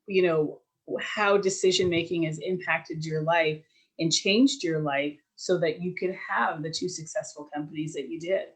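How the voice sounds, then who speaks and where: A woman's voice: sits low, steady tone, moderate pace, slightly rough, low-quality recording. A woman hosting an interview, who encourages her guest and sums up his story in a casual way. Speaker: host.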